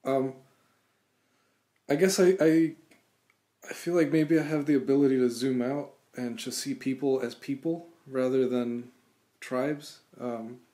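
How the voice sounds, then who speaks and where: A man in his thirties, born in Cuba, answering interview questions thoughtfully over a video call from a small room at home, with frequent pauses and restarts. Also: medium pitch, fairly even intonation, mellow. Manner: thoughtful, halting, many restarts and fillers. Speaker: guest musician. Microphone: webcam on video call.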